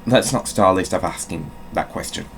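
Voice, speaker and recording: Low, brisk, and edged with vocal fry, this man's voice comes with a little hiss or hum. As the host of a gaming channel, he's dry and self-deprecating, going back and forth between dramatic storybook reading and casual, sweary chatter.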